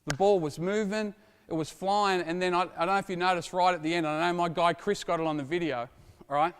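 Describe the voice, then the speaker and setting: Man, middle-aged coach, high-pitched voice, energetic drill calls, long gym reverb. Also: brisk, smooth. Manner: energetic, shouts drill instructions. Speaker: basketball coach. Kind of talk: coaching clinic demonstration. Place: indoor basketball court.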